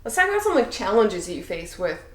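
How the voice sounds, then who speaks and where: A woman hosts a relaxed chat, asking easygoing questions and chiming in often. Her voice sits at an ordinary pitch and rings in a roomy space. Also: fast talker. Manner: casual, lots of backchannel, swears lightly. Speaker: interview host. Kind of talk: casual interview.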